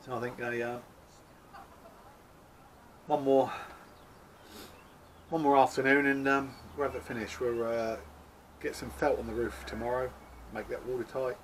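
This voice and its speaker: Filming himself with a handheld camera near his face, a man chats in a casual vlog by a shed in his outdoor allotment garden, joking and laughing about himself in a chatty, self-mocking way. His mid-range voice is level and unhurried, pausing often, over slight background noise.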